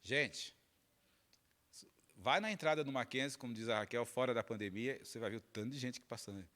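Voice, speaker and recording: A man's voice: medium pitch, fairly quick, a bit bright. A middle-aged man from Minas Gerais, a pastor telling a personal story during a sermon, acting out the dialogue and laughing along. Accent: Minas Gerais Portuguese.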